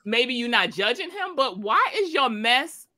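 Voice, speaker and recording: Bright, lively woman firing off questions. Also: fairly high pitch, a little slow. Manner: fires off blunt rhetorical questions. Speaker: podcast co-host. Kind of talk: casual podcast chat.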